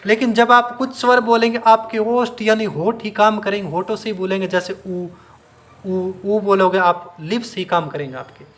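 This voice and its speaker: A man's voice: sits high, a bit bright. A man teaching a grammar lesson to exam students, drilling them with repeated questions and answers and stretching sounds out to demonstrate. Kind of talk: classroom-style video lesson.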